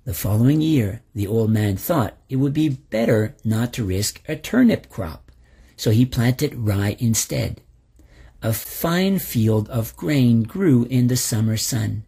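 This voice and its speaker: A man narrating a folk tale in a slow, expressive storybook reading. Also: medium pitch, creaky, breathy edge.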